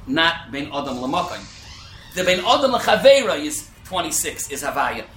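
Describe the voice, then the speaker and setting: High-pitched man teaching in an echoey room. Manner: animated rhetorical questioning and answering, switching between English and Hebrew terms. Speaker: Torah class teacher, rabbi. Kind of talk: informal religious lesson. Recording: echoey room with faint noise.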